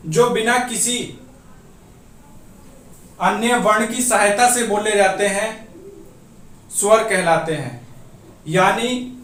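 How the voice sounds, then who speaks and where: A man teaching a grammar class for exam preparation, explaining each point step by step and pausing so students can note it down. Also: sits high, a bit bright. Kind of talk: exam-prep grammar lesson. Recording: echoey room, voice from a distance off the mic.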